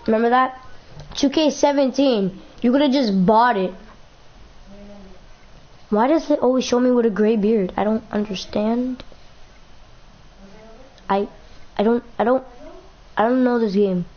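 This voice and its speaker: A young woman talks casually over a basketball video game, repeating herself and playfully complaining as she goes. Her voice sits a little high, and the audio is slightly muffled. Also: a little slow, pauses often. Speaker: gaming YouTuber. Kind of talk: casual gameplay commentary.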